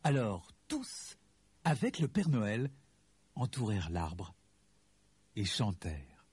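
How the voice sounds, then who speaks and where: A man narrating a children's Christmas story in an expressive, storytelling manner. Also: mid-range voice, takes it slowly, husky, no echo.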